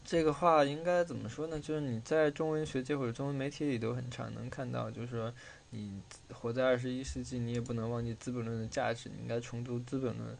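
Man, reading class host, casual lecture, gravelly fry in the voice, sore throat, middle pitch. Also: steady tone, fast talker, a little hiss or hum. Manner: loose, conversational explaining.

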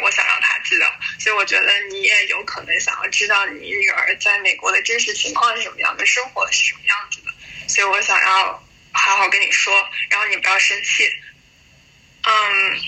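A woman in her thirties from China slowly telling a personal story over a voice call, pausing and restarting as she recalls it. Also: medium pitch, sharp tone, husky, poor audio. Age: 30s. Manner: slow, reflective, hesitant retelling. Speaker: guest sharing a story. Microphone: voice call recording.

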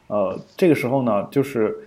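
A man's voice: medium pitch, normal speed, background noise. A man co-hosting a podcast in casual explanatory chat, thinking aloud with frequent fillers and restarts. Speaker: podcast co-host.

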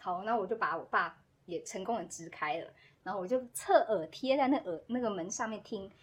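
A woman, a podcast guest telling a story in casual chat, animated and quick to act out what people said. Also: mid-range voice, slightly rough. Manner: animated, acts out quoted dialogue, laughs often.

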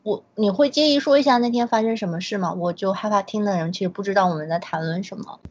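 A woman hosting a podcast, asking questions in a quick, casual conversational way. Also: medium pitch. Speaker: podcast host. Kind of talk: casual interview chat. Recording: lo-fi internet call audio.

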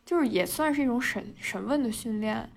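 Fairly high-pitched and gravelly, this voice belongs to a Chinese podcast co-host in her twenties who talks expressively and a little fast. She spins casual stories with frequent laughter, lots of filler words and English mixed in.

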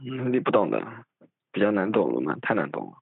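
A man with a very low voice talks as a guest in a casual academic podcast. He stammers, often repeating words before getting a thought out. The sound is tinny, like a phone, and dry with no room echo. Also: very animated, quick pace, gravelly.

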